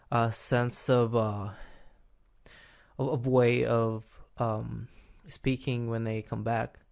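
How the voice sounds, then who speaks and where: A man with a gravelly, fry-edged voice hosts a laid-back podcast chat. He talks in halting bits, stacking fillers and restarting his sentences, and often chuckles mid-thought. His pitch sits at a middling level. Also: a little mellow. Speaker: podcast host.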